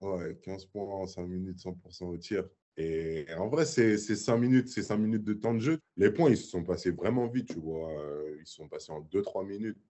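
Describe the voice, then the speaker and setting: Husky low-voiced young man telling a story. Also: normal speed, hardly any pauses. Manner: lively retelling with sound effects and many fillers. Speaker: guest basketball player. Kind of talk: casual storytelling interview.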